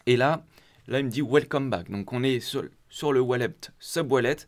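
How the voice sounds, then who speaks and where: Male host, mid-pitched voice, relaxed and chatty, guides viewers click by click through a tutorial. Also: moderate pace. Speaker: host of a crypto community channel. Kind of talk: casual screen-share tutorial.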